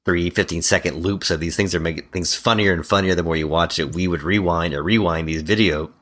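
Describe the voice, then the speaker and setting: Deep-voiced and fairly bright, this man keeps a fairly even intonation and a brisk pace while co-hosting a podcast. The talk is a casual, animated chat about bad movies, full of retold scenes and quoted lines.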